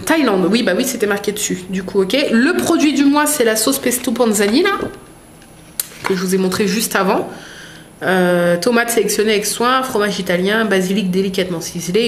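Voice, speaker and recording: A woman vlogger chatting casually as she unboxes products, reading labels aloud with many fillers. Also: mid-range voice. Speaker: vlogger unboxing a food box. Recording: echoey room with faint noise.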